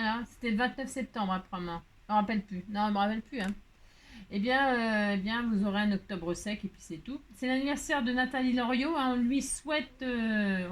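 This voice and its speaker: A woman crafting vlogger chatting casually, rambling and playful, with many fillers and jokes, feeling hot. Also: on the high side. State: hot, complaining of heat. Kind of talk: casual chat while crafting.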